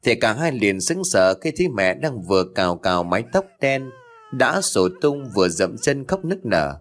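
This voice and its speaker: A man narrating a horror audiobook with an expressive, dramatic delivery. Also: fairly low pitch, normal speed.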